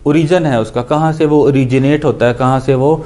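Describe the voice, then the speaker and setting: A man teaching Quran recitation, patiently explaining and repeating syllables slowly to show how each letter sounds, with English words mixed in. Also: medium pitch, fairly even intonation, a little mellow. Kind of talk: explanatory lesson on pronunciation.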